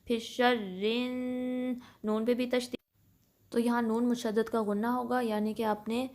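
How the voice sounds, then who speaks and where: A woman teaching Quran recitation rules, explaining each sound patiently, switching between Urdu and English and reciting examples slowly. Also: on the high side, level tone. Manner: slows and recites Arabic examples louder. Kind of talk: tajweed lesson mixing Urdu and English.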